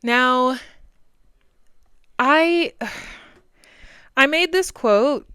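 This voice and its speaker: Young woman, twenties, solo podcast host; chatty and rambling, very clean smooth voice, dry close sound. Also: high-pitched, extremely slow, pushed and bright, no room sound. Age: 20s. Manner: chatty, rambling, self-deprecating.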